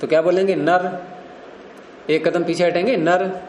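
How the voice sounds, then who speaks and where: A man's voice: high-pitched, steady tone, unhurried, a little mellow, slight background noise. Man teaching grammar in an echoing room. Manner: explanatory, quizzes students. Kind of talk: classroom teaching. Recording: roomy echo.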